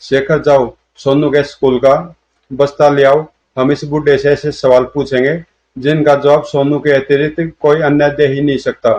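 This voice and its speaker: A man's voice: mid-range voice, little pitch movement, normal speed, a little mellow, lightly acted. A man voicing a stern barrister father who questions a stranger, in a comic storybook reading. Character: stern, puzzled father, a middle-aged barrister. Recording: dull lo-fi audio.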